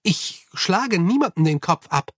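A man's voice: high-pitched, very animated, measured pace, fairly bright tone, no echo, clean studio sound, voice pushed up, exaggerated voice. A man voicing an earnest, uneasy young male monk who asks many questions.

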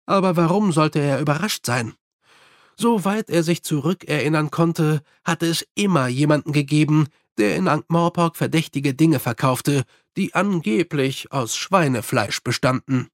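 A man's voice: fairly high pitch, measured pace, no echo. Dry-voiced male audiobook narrator. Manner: steady storytelling. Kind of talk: scripted narration.

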